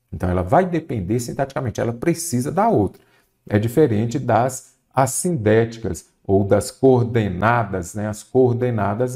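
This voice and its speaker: A man's voice: mid-range voice, dark tone. A man from Brazil teaching an exam-prep Portuguese grammar lesson, posing questions to students and stretching key words for emphasis.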